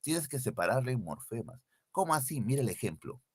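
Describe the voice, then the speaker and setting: A man's voice: mid-range voice, big pitch swings, brisk, darkish tone, slightly rough, no echo, studio quality. A male teacher giving an online exam-prep class, repeating key definitions and quizzing his students directly. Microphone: computer mic, screen sharing.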